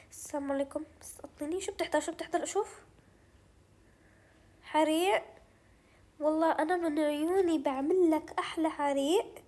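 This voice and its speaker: A woman's voice: very high-pitched, darkish tone. A young woman with a Levantine Arabic accent, chatting through a game as she plays, thinking aloud and mixing in English words. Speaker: gaming channel host. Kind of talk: let's play commentary.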